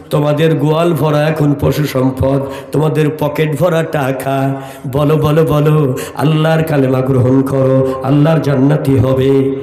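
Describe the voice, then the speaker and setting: A male preacher voicing an angry prophet who rebukes his people and calls them to faith, in a stern, shouting manner. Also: medium pitch, voice pushed down, natural voice. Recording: echoey.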